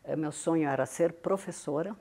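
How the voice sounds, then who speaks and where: Appearing as a guest on an interview show, a business founder, an older woman from southern Brazil's Rio Grande do Sul, recounts her story and frequently uses tag questions. She grew up speaking Venetian Italian, so her Brazilian Portuguese carries a heavy Italian-Venetian accent. She speaks at a normal speed in a low-pitched, mellow voice.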